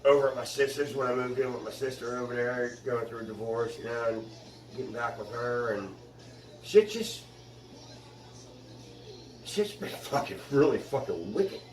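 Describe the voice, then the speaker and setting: A man's voice: mid-range voice, expressive, moderate pace, long pauses, darkish tone, reverberant, distant mic, low-quality recording. A man rambling through his spooky experiences in a casual interview, swearing freely.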